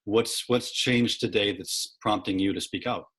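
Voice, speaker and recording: A man hosting an interview, asking measured questions and rephrasing them carefully as he goes. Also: on the low side, a bit bright, slightly rough.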